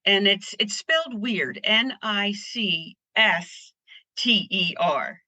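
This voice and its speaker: A woman's voice: mid-range voice, takes it slowly, sharp tone, dry recording. A woman from Pennsylvania chatting as an interview guest, upbeat and rambling with restarts. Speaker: guest artist. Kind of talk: casual interview chat.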